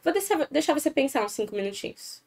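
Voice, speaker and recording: A Brazilian woman teaching an English video lesson in a high voice that leaps all over. She is upbeat and chatty, checks in with the class often, and reads her examples slowly for her students to repeat. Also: big pitch swings, creaky, a little mellow. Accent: Brazilian Portuguese. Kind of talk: video lesson for exam prep.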